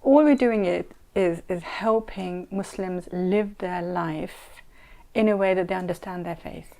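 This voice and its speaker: This middle-aged scholar and mediator has a fairly low, dark voice and takes a measured pace through her interview answers. Originally from Saudi Arabia, she grew up in Kenya and London, and she speaks earnestly, emphatically, restating points to stress them.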